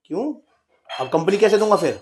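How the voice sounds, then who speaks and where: A high-pitched, animated man talks fairly quickly, with a little hiss or hum in the background. The father and vlogger is filming a casual family vlog indoors in front of a heater, teasing and chatting playfully with viewers.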